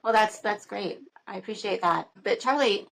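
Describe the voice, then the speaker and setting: A woman hosting a livestream, moderating guests briskly in a casual way. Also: mid-range voice, gravelly, a little hiss or hum, poor audio. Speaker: livestream host. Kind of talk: casual chat.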